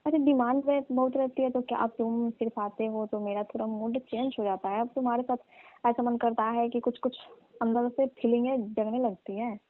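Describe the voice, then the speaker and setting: Here a woman voices a pushy village aunt, flirting and coaxing in a teasing, colloquial manner for a comic phone skit. Her pitch is on the high side, her intonation fairly even, her pace moderate and her acting light. It sounds like a thin, dry phone recording with no echo.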